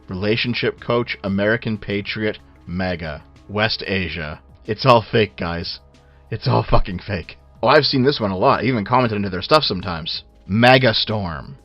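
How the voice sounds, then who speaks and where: A man giving casual, blunt and sardonic video commentary with swearing, on a low-quality, low sample rate recording. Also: muffled recording.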